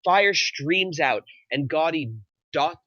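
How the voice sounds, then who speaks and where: A man serves as narrator for a script table read, taking the stage directions slowly. His medium-pitched voice is bright and crisp, while the recording is dry and slightly dull, with no room sound.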